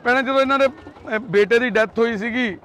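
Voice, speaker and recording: A man's voice: very high voice, a little fast, a bit bright, a little hiss or hum. A man reporting in the street, coaxing the people he talks to and then speaking earnestly to the camera. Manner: coaxing and pleading, then earnest social commentary. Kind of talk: street interview and commentary to camera.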